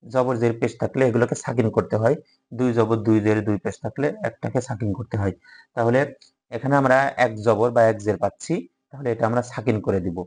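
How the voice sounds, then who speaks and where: A man teaching a Quran recitation lesson, patiently repeating each word slowly so that learners can follow along. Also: medium pitch, fairly even intonation, a little mellow. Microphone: microphone.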